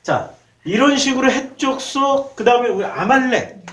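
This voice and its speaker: A man preaching a sermon as pastor, animated and conversational, quizzing his congregation in a church. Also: very high-pitched, moderate pace, slight background noise.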